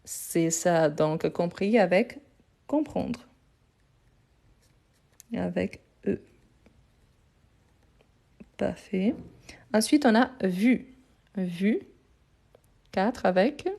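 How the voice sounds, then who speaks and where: A woman's voice: mid-range voice, lively intonation, very slow, vocal fry, pauses often, warm tone. A woman teaching French in a live online grammar lesson, recorded on her phone, patiently repeating answers and praising students.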